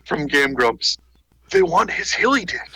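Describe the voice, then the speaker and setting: A man in a casual gaming podcast chat, telling an anecdote in a wry, halting way. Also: fairly high pitch, very animated, pushed and bright, breathy edge, dry recording, poor audio.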